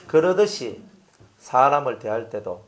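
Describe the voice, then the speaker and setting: A pastor preaching a sermon, chatty and animated, asking his congregation rhetorical questions. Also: mid-range voice, unhurried.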